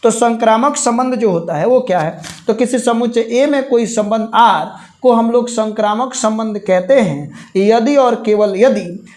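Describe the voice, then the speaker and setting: Indian math teacher, slow and patient. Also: male voice, extremely high pitch, a little mellow. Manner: slow, explains step by step, repeats terms, mixes English terms. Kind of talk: live online class lecture.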